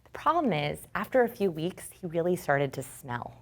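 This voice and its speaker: Animated woman teaching a workshop. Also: fairly low pitch, moderate pace. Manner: lively, acts out quoted speech. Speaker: storytelling workshop instructor. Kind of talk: teaching a class.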